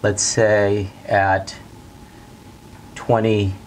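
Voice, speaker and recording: Steady middle-aged man teaching at a whiteboard. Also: lowish voice, a little hiss or hum. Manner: plain, steady, repeats key steps slowly. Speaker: HVAC instructor. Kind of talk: whiteboard technical lesson. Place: bright indoor studio at a whiteboard.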